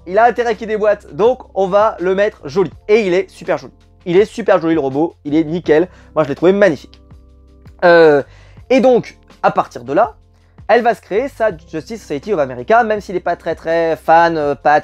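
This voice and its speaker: A man's voice: high-pitched, darkish tone. A young man reviewing a TV series in casual talk, rambling with many fillers and repeated words. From France.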